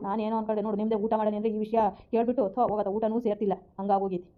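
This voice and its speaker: A woman's voice: medium pitch, flat delivery, very fast, phone-quality sound, lightly acted. Furious mother-in-law, played by a woman: scolding and threatening, talks at breakneck speed. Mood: outraged. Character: furious middle-aged mother-in-law guarding family honour.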